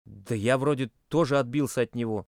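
A man's voice: a little fast, vocal fry, no room sound, studio quality, close to an everyday voice. A man voicing a frightened young boy who stammers and shrieks in panic. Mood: sheepish. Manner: hysterical, stammering, shrill.

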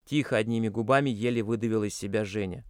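A man reading a suspenseful audiobook with tense, expressive storytelling into a close mic. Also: on the low side, quick pace, dry recording. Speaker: narrator. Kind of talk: dramatic audiobook narration.

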